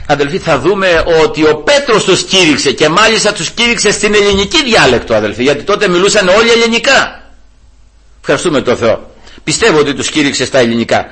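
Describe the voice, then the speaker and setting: A man's voice: a little high, slightly rough. A man preaching a Bible study sermon to his congregation, telling stories with animation and often addressing the listeners as brothers. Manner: animated storytelling, rising loud for retold shouts. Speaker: pastor.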